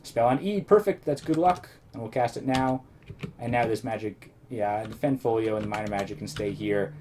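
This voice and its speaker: With a lowish, darkish voice at normal speed, a let's play host rambles casually about his own gameplay. His voice is a little worn, as if slightly going, and there's a faint hiss or hum in the recording.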